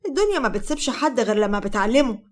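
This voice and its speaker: A woman's voice: a little high, expressive, racing, close to an everyday voice. A woman voicing an earnest, easily flustered young man with an Egyptian Arabic accent.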